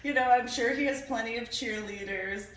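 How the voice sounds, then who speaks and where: A woman's voice: on the high side, normal speed. A woman from New Jersey telling a meandering personal story in casual talk, laughing often at herself. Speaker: vlogger telling personal stories. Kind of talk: casual rambling anecdote. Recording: roomy echo, voice far from mic.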